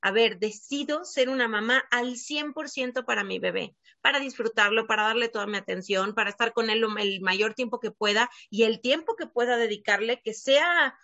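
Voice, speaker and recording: A woman from Argentina who works as a child sleep coach talks earnestly as a podcast guest in a relaxed interview, sprinkling in little filler words. Her voice is fairly high and sharp, at a moderate pace with few pauses. The sound is dull, lo-fi, and dry, without echo.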